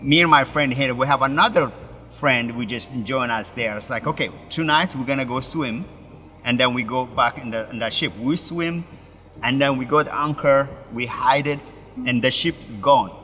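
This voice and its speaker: Halting Ethiopian-born pastor, bright roomy sound. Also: male voice, mid-range voice, slight background noise. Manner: halting, broken English with many restarts. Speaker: pastor, interview guest. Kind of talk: personal story in an interview.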